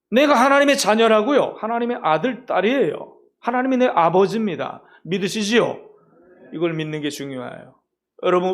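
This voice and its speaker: High-voiced emphatic male preacher. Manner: emphatic, rhetorical questions to congregation. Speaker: pastor. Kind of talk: sermon.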